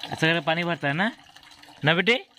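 A man's voice: on the high side, animated, moderate pace, background noise. A man filming a home vlog, patiently coaxing his young daughter with the same questions again and again. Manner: coaxing, repeats questions over and over. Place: home, indoors.

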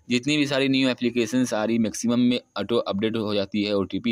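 In this unplanned screen-recording walkthrough, a roughly twenty-year-old man guides viewers through a phone app one step at a time, with repetitive narration. He speaks in a mid-range voice, and the recording has no room sound.

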